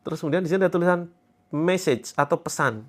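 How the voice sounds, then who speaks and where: A man's voice: on the high side, fast. A man coaching viewers on a live stream in a chatty way, laughing often and reading out their comments. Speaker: online self-help and therapy coach. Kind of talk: casual live-stream talk.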